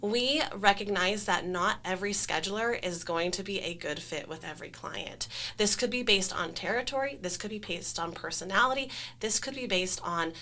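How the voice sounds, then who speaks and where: A woman speaks as a company trainer in a corporate training video. Her voice is bright and forceful at a middle pitch. She explains things conversationally, with emphasis and enthusiasm. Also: moderate pace. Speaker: staff trainer.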